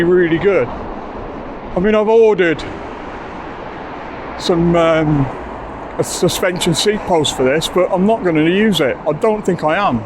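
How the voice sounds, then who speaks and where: A man's voice: high-pitched, background noise. A man giving a chatty, enthusiastic bike review outdoors, rambling a little as he talks. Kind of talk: casual video review.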